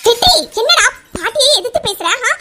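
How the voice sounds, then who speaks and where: A woman's voice: very high voice, very animated, brisk, very noisy, voice pushed up. A woman voicing a gossipy village aunt in a cartoon serial, mocking and exclaiming.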